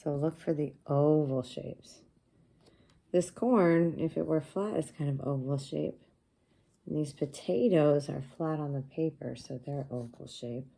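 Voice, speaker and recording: A woman teacher with a deep, dark voice and some vocal fry reads a picture book aloud to young children. She pauses to explain things simply and asks them questions.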